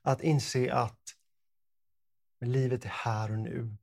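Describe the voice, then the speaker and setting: A man's voice: medium pitch, steady tone, darkish tone. A man co-hosting a podcast, talking in a playful, bantering way. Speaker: podcast co-host. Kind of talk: casual chat.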